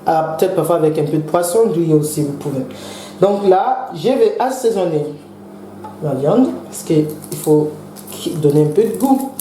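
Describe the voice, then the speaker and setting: A woman hosting her own cooking channel, explaining a recipe step by step in a chatty way and pausing now and then to search for words. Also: on the low side, expressive. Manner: chatty, explains each step with gentle asides. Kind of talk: casual cooking tutorial. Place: home kitchen. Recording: echoey kitchen with faint background noise.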